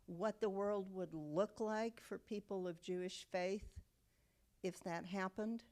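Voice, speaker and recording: A woman's voice: mid-range voice, steady tone, slow, darkish tone. A woman, telling her family story in an oral history interview. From United States. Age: 70s. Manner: reflective storytelling with frequent um and okay.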